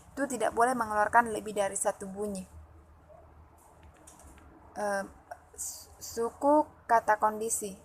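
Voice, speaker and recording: Woman reading phonology notes in a flat voice. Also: medium pitch, a little hiss or hum, rough recording. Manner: halting, with frequent "eh" fillers and restarts. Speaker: student presenting an exam assignment. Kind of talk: reading lecture notes aloud.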